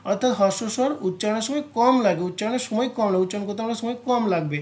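A teacher with a West Bengal Bengali accent talks through an exam-prep grammar lesson in a mid-pitched voice. The teacher keeps turning to the students with questions and then answers them. Example sounds are drawn out slowly, one by one. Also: a little mellow. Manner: addresses students directly, poses and answers its own questions.

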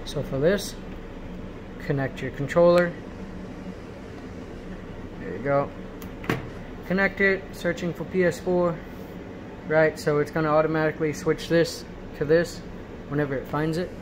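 A man with a voice on the high side gives a casual, off-the-cuff screen walkthrough at a laptop in a small room, halting and checking in often. He films the screen on a handheld phone, and the home video is noisy with a steady hum.

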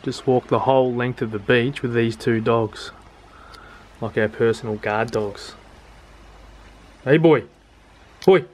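A man's voice: mid-range voice, little pitch movement, unhurried. An Australian man talking casually on a travel vlog, blunt and crude, swearing freely and joking about himself. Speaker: travel vlogger.

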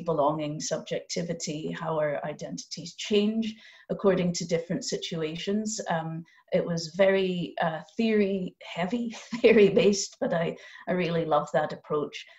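Low-voiced woman on a video call. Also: darkish tone. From Canada. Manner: thoughtful, academic, measured. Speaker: poet and lecturer. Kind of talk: online panel talk. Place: home room with lamp. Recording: slightly dull video call audio.

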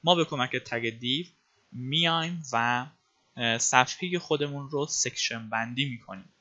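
Guy doing a coding screencast, bright forward voice, lots of uhs, kinda muffled lo-fi audio. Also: mid-range voice. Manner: explains step by step, frequent "uh" fillers, addresses viewers as friends. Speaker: web design instructor.

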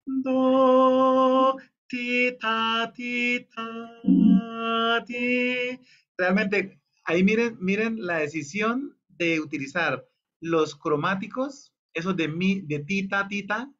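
A man leads a choir rehearsal with patient, drawn-out explanations. His voice sits a little high for a man. The recording sounds dull and lo-fi. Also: bright, forceful tone. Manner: explains slowly, sings phrases in falsetto-high demonstrations. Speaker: choir director.

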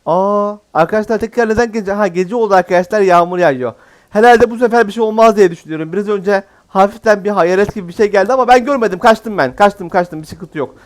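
A man's voice: high-pitched, quick pace. A man giving casual, jokey let's-play commentary as a gaming YouTuber, exclaiming often.

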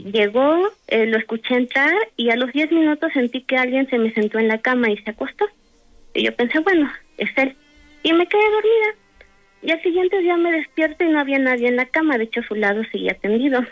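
Woman guest, higher-pitched voice, casual and hesitant storyteller. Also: expressive, fast talker, lo-fi sound. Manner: hesitant, many fillers and restarts. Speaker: guest telling a paranormal story.

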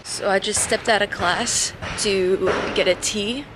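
Hoarse young woman vlogging, noisy. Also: mid-range voice, steady tone. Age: young adult. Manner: chatty, self-mocking, quick to laugh. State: hoarse from a cold. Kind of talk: casual vlog chat to camera.

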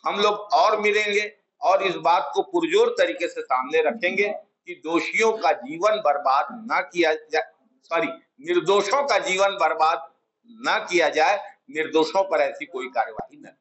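A middle-aged man giving a formal political statement at a press conference in a small office, measured and emphatic, repeating key words for stress. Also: on the high side, fairly bright tone, rough recording. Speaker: Congress party spokesman at a press conference. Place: small office room, indoors. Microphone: clip-on lapel mic, table of press mics.

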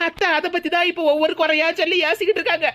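Woman doing a young daughter-in-law in a cartoon, always complaining, bright high voice, talk. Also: steady tone, racing. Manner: complaining, indignant. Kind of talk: cartoon voice acting.

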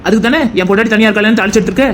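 A performer voicing a young husband in a cartoon, bantering quickly with his grandmother. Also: high voice, a bit bright, slight background noise. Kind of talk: cartoon voice acting.

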